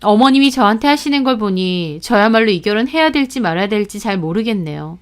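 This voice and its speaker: A young woman calmly narrating a first-person story in a conversational tone. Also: mid-range voice, fairly quick, smooth.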